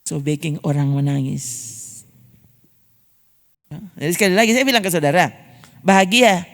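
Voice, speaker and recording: A man with a high voice and a Manado Malay accent preaches a sermon. He is an animated storyteller who keeps calling out to the congregation. His voice rings with a long echo from the church hall. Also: moderate pace. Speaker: pastor.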